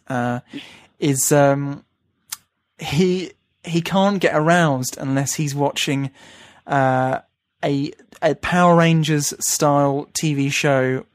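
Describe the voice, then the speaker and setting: A young man co-hosting a casual comedic chat, wry and deadpan, often stumbling and restarting. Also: mid-range voice, no echo. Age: young adult. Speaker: podcast co-host.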